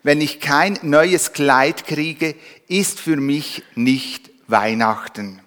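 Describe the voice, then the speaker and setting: A man's voice: on the high side, drawn-out words, a bit bright, pitched above the performer's own voice. A man voicing a vain peacock insisting on a new dress, in a reverberant hall.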